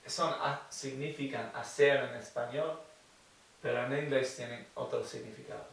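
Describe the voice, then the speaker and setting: A man teaching an online language lesson, talking at an unhurried, careful pace. He explains step by step and repeats each example phrase, with a bright, forceful tone. His voice sounds distant from the mic, with a strong roomy echo around it. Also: fairly high pitch. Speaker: English teacher.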